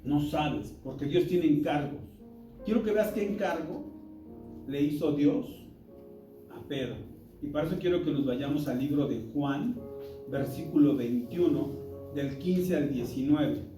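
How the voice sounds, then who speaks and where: A man leads a church Bible lesson in a conversational, emphatic way, tossing questions to the listeners. His voice sits a little high and is picked up from a distance. It echoes around the room, with music playing clearly behind him. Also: a little slow, dark tone. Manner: conversational and emphatic, quizzing the congregation. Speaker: Bible class teacher. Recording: roomy hall, distant mic, music behind.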